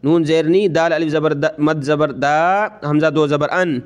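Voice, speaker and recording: A man with a Pakistani Urdu accent leads a Quran reading lesson in a high, smooth, clear voice. He draws each recited word out slowly and spells it letter by letter with its vowel marks. His explanations between the words come out quicker. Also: fairly even intonation. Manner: slow drawn-out recitation, quick spoken explanations. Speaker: Quran teacher.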